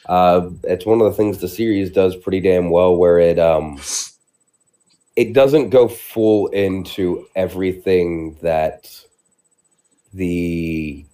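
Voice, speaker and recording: A man's voice: low-pitched, takes it slowly, mellow. A man co-hosting a podcast, chatting casually about movies in long, rambling explanations with frequent restarts. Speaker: podcast co-host. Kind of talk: casual chat.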